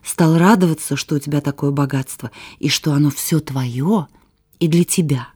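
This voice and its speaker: A woman's voice: low-pitched, moderate pace, darkish tone, husky. Patient woman explaining to a child. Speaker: teacher in a children's Bible program.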